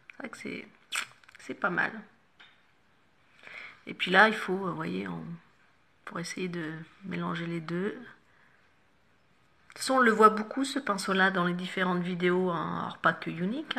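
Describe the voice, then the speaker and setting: Bright-voiced chatty woman vlogger. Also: on the low side, gravelly. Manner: chatty, many fillers and self-corrections. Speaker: makeup vlogger. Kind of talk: casual makeup tutorial chat. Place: home, no studio lighting.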